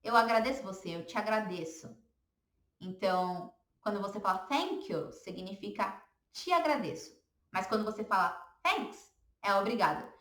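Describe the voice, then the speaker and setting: A woman's voice: medium pitch, expressive, normal speed, fairly bright tone. A woman with a Brazilian Portuguese accent teaching a beginner English lesson, patiently repeating words for learners to echo.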